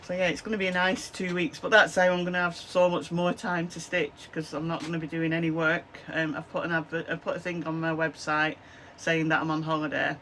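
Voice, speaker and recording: A hoarse-voiced Lancashire crafter in her fifties, with a chesty cough and a Lancashire English accent, rambles through a chatty to-camera vlog from her small craft room, filling it with "um, so yeah." Close-framed on a desk camera, she speaks in a low, level, a bit bright voice, a little fast with few pauses. A little hiss or hum can be heard.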